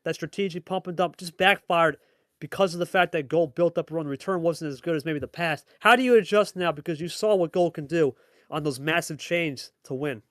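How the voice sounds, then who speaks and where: A man with a slightly high, fairly bright voice hosts and commentates a card game match at a brisk pace, hyping it up and repeating phrases for emphasis during live play-by-play and player interviews. The sound is studio quality with no echo.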